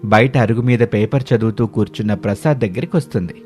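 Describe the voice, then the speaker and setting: A man narrating a scripted animated family story in a steady storytelling manner. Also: lowish voice, fast talker, soft background music.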